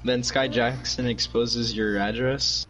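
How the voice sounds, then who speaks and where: A man's voice: mid-range voice, steady tone, takes it slowly. A young man chatting with a streamer friend, joking dryly and swearing casually. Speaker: friend on call. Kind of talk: casual chat over gameplay. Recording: noisy voice chat audio.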